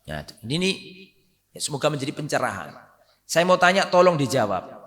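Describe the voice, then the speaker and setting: A male Islamic preacher gives an animated sermon, often putting questions to his audience. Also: fairly high pitch, normal speed, long reverb tail.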